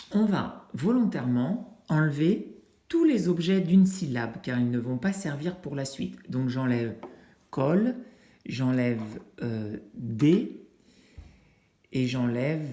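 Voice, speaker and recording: A teacher walks parents through a learning game for young children, taking their time and pausing often with fillers. The voice is mellow and unhurried. The room around it is roomy and echoey, as if it were recorded indoors on a simple setup. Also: mid-range voice. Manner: unhurried, with frequent hesitations and fillers; demonstrates with objects while talking. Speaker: teacher explaining an activity to parents. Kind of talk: instructional video for families.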